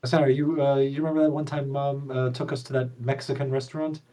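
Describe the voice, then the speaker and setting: A man in his thirties making halting, casual chat during a game stream, recorded on a distant mic. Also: mid-range voice, flat delivery, mellow. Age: 30s.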